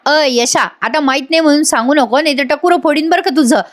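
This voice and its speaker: A woman's voice: high-pitched, fast, voice pushed up, natural voice. Woman doing a fretful old village grandfather. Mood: scolding. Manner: calling out anxiously, scolding. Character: fretful old father-in-law Anna, male, elderly.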